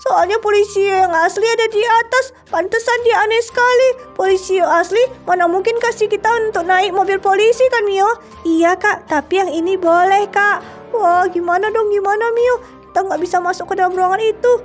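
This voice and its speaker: A woman hosting and voicing a game roleplay in an excitable, exclaiming way. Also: very high-pitched, normal speed, faint music behind. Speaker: narrator and channel host.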